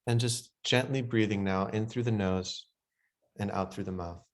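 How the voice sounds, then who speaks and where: In this guided breathwork session, a man gives calm, unhurried directions that turn gentler and quieter through the relaxing stretches. His pitch sits fairly low, and his delivery stays fairly even.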